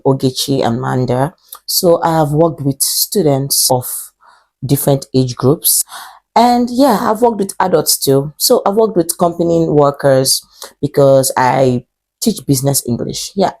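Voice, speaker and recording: With a rumbling low, slightly mellow voice, a Nigerian woman in her twenties vlogs casually to camera. She teaches English, and her talk meanders with fillers and self-corrections.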